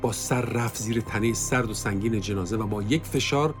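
A man with a husky voice giving a steady, sombre audiobook reading of a war story, lightly voicing the dialogue. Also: on the low side, over music.

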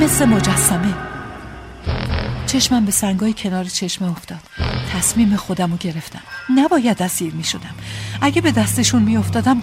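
A woman reading a first-person story aloud in a dramatic, tense storytelling manner. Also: medium pitch. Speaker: audiobook narrator.

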